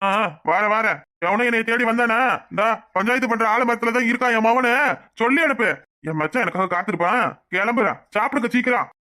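A man's voice: very high voice, brisk, sharp tone. A man voicing a hot-headed loyal village youth. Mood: impatient. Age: 20s. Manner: defiant, boastful. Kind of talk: cartoon voice acting.

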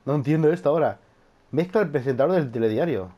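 A man giving casual, excitable gameplay commentary, laughing often and swearing casually. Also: fairly high pitch, fast talker, dull audio. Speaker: gaming youtuber.

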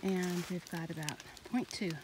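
A woman's voice: fairly low pitch, moderate pace. A woman narrating her hike in a matter-of-fact, casual way while walking through a forest. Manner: plain, matter-of-fact trail commentary. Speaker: hiking vlogger. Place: outdoors in a rainy forest. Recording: outdoor recording with steady rain noise. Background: rain.

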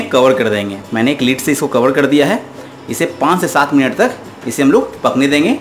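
A medium-pitched male voice, with slight background noise, belongs to a cooking show host at his home kitchen stove. Patient and instructive, he speaks straight to viewers as he guides them through a recipe one step at a time.

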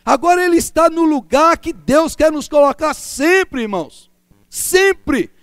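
A man preaching a sermon in a strikingly high voice. He delivers repetitive lists with fervor, swinging between raised cries and hushed low passages. The recording is close and dry, with no room sound. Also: animated, a little slow, no echo.

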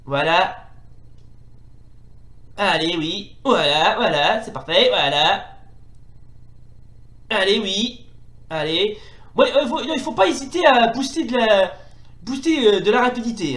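A man giving live commentary on a retro fighting game, hesitant and full of fillers, bursting into excited exclamations during the fights. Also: sits high. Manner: hesitant, many fillers and restarts. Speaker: retro gaming video host. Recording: roomy echo.

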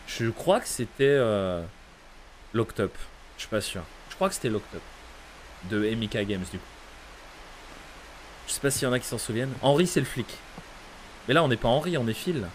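A man's voice: mid-range voice, a little hiss or hum. A man giving live gameplay commentary as a streamer, chatty, swearing and greeting viewers in chat by name. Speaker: gaming streamer.

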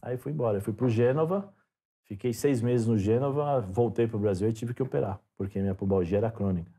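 Animated Brazilian man telling stories. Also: on the low side, brisk, breathy edge. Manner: animated storyteller, acts out dialogue. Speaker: podcast guest, former footballer. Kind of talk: casual storytelling interview.

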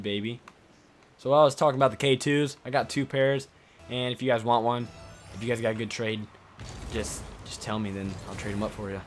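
A young man giving casual, excitable commentary while playing a game, swearing and shouting at plays. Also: lowish voice, background noise. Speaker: gameplay streamer.

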